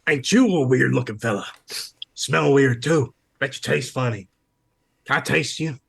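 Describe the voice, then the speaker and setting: A man's voice: medium pitch, normal speed, vocal fry, slightly rough, pitched above the performer's own voice. A man voicing a blunt, greedy carnivorous seagull that keeps asking to taste people. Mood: crude, hungry. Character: hungry, rude carnivorous seagull.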